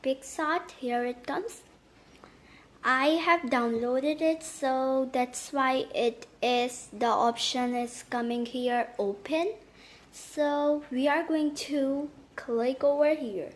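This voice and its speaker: High-pitched, slow-talking woman. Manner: halting, repetitive step-by-step phrasing. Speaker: tutorial host. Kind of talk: step-by-step app tutorial narration.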